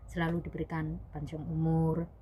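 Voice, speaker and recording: A woman's voice: deep voice, completely flat delivery, moderate pace, dull audio, a little hiss or hum. A young woman vlogger, a domestic worker abroad, telling a personal story in a rambling, self-correcting way and addressing viewers as "guys". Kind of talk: casual spoken storytelling.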